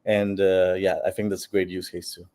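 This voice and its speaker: Deep and dark, this man's voice comes at a normal speed with a flat delivery. He's from Peru and founded a bitcoin platform, and he answers interview questions explanatorily, full of fillers and false starts.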